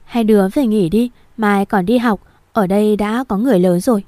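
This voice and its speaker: A woman's voice: mid-range voice, normal speed, mellow, no echo, natural voice. A woman reading a decisive middle-aged father. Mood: firm.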